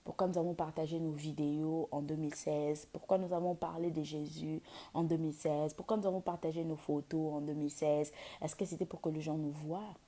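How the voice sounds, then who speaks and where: A woman in giving an informal devotional exhortation as a worship leader, speaking haltingly and slipping into English at times, with a husky, breathy voice. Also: low voice, level tone, dark tone. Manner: hesitant French, slipping into English mid-talk. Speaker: worship leader inviting people to a praise event.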